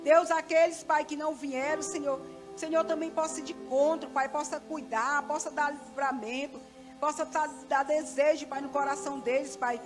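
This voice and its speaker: Her voice is high, steady in tone and moderately paced as she gives a rambling testimony at church over background music, often turning to the pastor with "né." This middle-aged Brazilian woman prays with fervor, repeating "Senhor" and "Pai" over and over.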